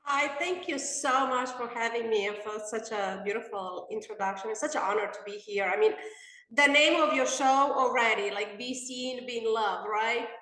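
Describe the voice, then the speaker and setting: A woman's voice: on the high side, bright, forceful tone. Earnest woman in a roomy room. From Romania. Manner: earnest, thoughtful, with halting restarts. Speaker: guest. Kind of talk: interview answers. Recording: roomy echo.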